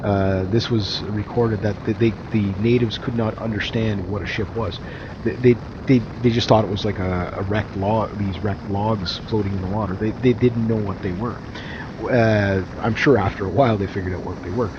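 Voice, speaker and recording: A man's voice: on the low side, fairly even intonation, normal speed. A man giving casual, rambling advice to viewers in a hesitant way with repeated words, speaking into a microphone inside a motorcycle helmet. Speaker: motorcycle vlogger. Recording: dull muffled helmet audio, loud engine noise.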